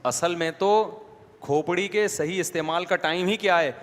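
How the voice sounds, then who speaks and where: Man, preacher, religious lecture, chatty and questioning, pitched a little high, long hall reverb. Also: fairly bright tone. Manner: conversational, asks the audience rhetorical questions. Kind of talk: Islamic lecture.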